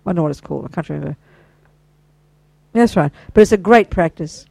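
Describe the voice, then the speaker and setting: An older Buddhist teacher giving an informal, chatty dharma talk to a small group, enthusiastic and quick with praise and asides. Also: mid-range voice, vocal fry, darkish tone, dry recording, low-quality recording.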